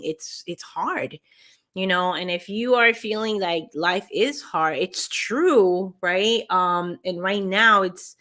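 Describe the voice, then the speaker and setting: Slow, earnest woman talking to camera. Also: on the low side, a bit bright. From grew up partly in Peru. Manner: earnest, with many restarts and fillers. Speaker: vlogger sharing motivation tips. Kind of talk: casual talk to camera.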